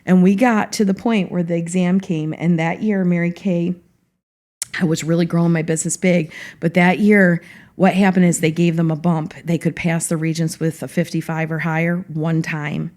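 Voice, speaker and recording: Lively woman telling a story. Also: lowish voice, moderate pace. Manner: animated storyteller. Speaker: guest, local businesswoman and former teacher. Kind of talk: storytelling in a podcast conversation.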